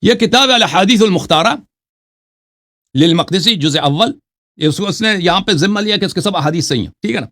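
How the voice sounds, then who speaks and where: A man's voice: high voice, animated, a bit bright. A man debating religion, who reads Arabic quotations aloud and then explains them in a mocking way, often checking with "right?". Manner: mocking, keeps asking "right?". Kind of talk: religious debate, citing texts.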